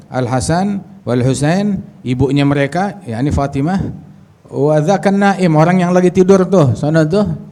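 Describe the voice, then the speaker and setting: A man's voice: a little high, vocal fry, warm tone. A man preaching and telling a story at a religious gathering. He recites Arabic phrases, explains them in casual everyday speech, and acts out the dialogue.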